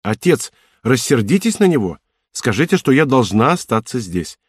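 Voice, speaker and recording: A man's voice: mid-range voice, sing-song, moderate pace, husky, dry recording. A man reading an audiobook, voicing Cosette, a playful young wife who pouts, teases and pleads in a capricious way. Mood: teasing indignant. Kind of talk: audiobook character voice.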